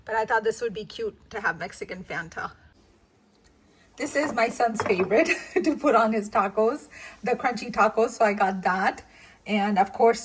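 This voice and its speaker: A woman's voice: medium pitch, a little hiss or hum. A woman filming a casual cooking demo in her home kitchen, chatting and explaining each step to her viewers. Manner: chatty, instructive, talks to viewers. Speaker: cooking vlogger.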